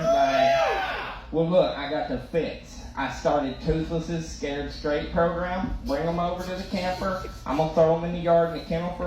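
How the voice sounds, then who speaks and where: Male stand-up comic, toothless slurred diction, self-deprecating and informal, heard in a heavily reverberant room over clear background noise. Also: a little high. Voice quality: toothless, slightly slurred articulation. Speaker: stand-up comedian. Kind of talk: stand-up comedy storytelling. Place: live comedy stage in a reverberant room.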